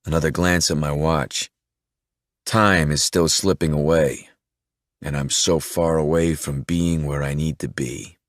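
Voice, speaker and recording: A man narrating a thriller audiobook in a steady, measured way. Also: a bass voice, no echo, studio quality.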